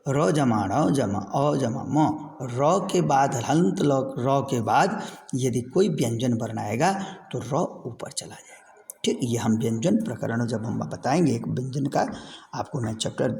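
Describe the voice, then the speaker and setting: Slow, gravelly male Sanskrit teacher. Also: medium pitch, animated, a little mellow, long reverb tail, a little hiss or hum. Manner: slow, patient, repeats each word for children. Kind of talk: classroom lesson over a screen recording.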